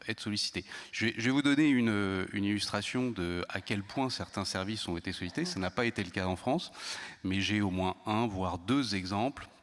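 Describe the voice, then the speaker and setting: Man, lowish voice, halting careful panel speaker, hall echo. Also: fairly bright tone. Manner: measured, many hesitations and restarts. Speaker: intelligence service panelist. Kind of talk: round-table talk. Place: conference hall. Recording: long hall reverb.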